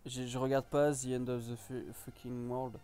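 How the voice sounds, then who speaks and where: A man's voice: medium pitch, little pitch movement, normal speed, dark tone, clear, resonant tone, faint music behind. A man hosting a casual live stream, chatting and reacting to viewers' comments.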